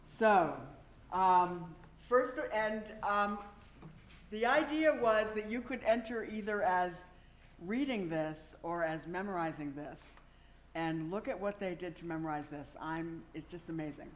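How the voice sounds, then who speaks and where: A woman's voice: fairly low pitch, a little slow. A woman organizing a museum event, announcing the awards with enthusiastic praise and many fillers. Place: museum event hall with an audience.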